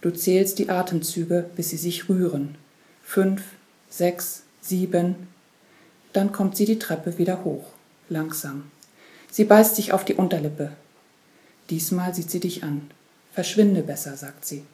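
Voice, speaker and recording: A woman narrating a literary story in a quiet, measured way. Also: fairly low pitch. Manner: quiet, measured second-person telling. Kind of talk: literary reading.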